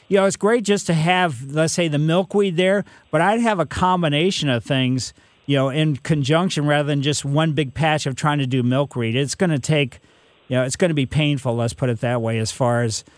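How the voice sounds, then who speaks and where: A man's voice: on the high side, no echo. A man in his sixties hosting a call-in gardening radio show, giving advice in a rambling, folksy way full of "you know". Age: 60s. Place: radio studio.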